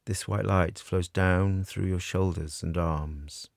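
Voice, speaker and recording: A man guiding a scripted meditation in a soothing, measured way with long pauses. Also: sits low, fairly even intonation, creaky, no echo, studio quality. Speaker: meditation guide. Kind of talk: guided meditation narration, scripted.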